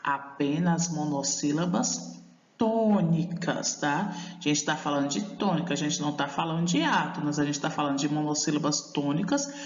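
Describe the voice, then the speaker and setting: A Brazilian woman teaching a video lesson to young children, sounding out words slowly and deliberately in an affectionate manner. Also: sits low. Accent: Brazilian Portuguese. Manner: affectionate toward young pupils. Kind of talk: recorded primary-school video lesson. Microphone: voice-over off camera. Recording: echoey, dull room sound.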